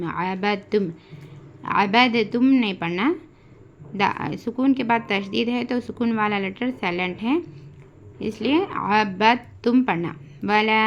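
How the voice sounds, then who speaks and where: A woman with an Urdu accent teaching Quran reading, spelling out letters and vowel marks in a slow, drawn-out recitation lesson. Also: mid-range voice. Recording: dull lo-fi home recording, faint hiss.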